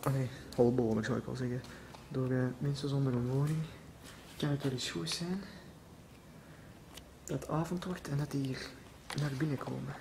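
A man with a Flemish accent narrating an exploration vlog through an abandoned factory, talking in a hushed voice that often drops to a whisper. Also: mid-range voice, steady tone, moderate pace, vocal fry. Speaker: urban explorer vlogger. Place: abandoned factory, large empty halls indoors. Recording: noisy handheld camera audio.

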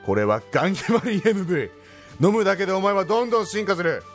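A man's voice: high voice, lively intonation, faint music behind, voice pushed down. A man doing a pompous, solemn talking cat. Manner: slow, solemn, old-fashioned speech. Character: mysterious male cat quest giver, pompous.

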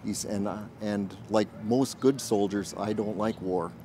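A man in his forties, a military chaplain, answers interview questions outdoors in an earnest, thoughtful way and pauses often to find his words. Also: fairly low pitch, dark tone, slight background noise. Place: outdoors in a garden.

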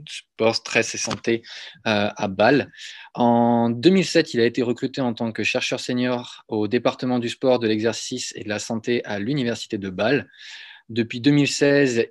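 A man moderates an academic video call. His voice sits at a middle pitch with little room sound, and he introduces the speaker in a formal, measured way with some hesitation. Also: dry recording. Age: 30s. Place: small indoor office. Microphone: computer video-call microphone.

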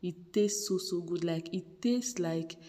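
A woman's voice: lowish voice, measured pace, warm tone, long reverb tail. A woman chatting through a home cooking vlog voice-over, repeating words for emphasis. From Nigeria. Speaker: cooking vlogger. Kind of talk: casual voice-over narration.

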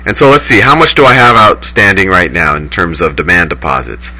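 Lecturer man in low-quality streamed audio. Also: a little fast, sharp tone. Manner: explains step by step, restarts and self-corrects. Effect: poor-quality sound, like a low-grade stream. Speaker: teacher explaining banking. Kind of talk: recorded lecture, thinking aloud.

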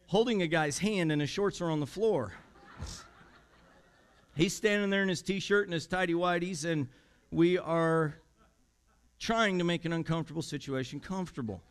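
A man with a Midwestern American accent preaching a conversational sermon, telling a story and acting out the voices of the people in it. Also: sits high. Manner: conversational, acts out quoted voices, repeats words when starting. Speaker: pastor. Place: church sanctuary.

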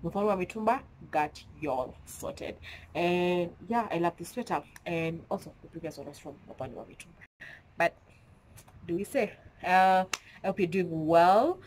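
A young Kenyan woman talks to her camera at home, her low voice congested from a cold. Her chat is emphatic and easygoing, slipping into Swahili slang, with a faint hum of room noise behind her. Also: unhurried, darkish tone, rough recording. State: stuffy nose from a cold. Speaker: vlogger.

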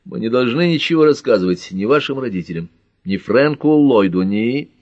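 A man voicing a calm, logical male detective in an audiobook, measured and instructive. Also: mid-range voice, no room sound, highs cut off, pitched above the performer's own voice, natural voice.

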